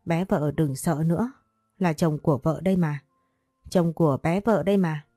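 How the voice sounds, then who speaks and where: A woman's voice: low voice, moderate pace, dark tone, no echo, studio quality, faint music behind. A woman voicing a doting, possessive older man who speaks tenderly but bossily to his young lover in a storybook reading. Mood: soothing. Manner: tender, teasing, bossy.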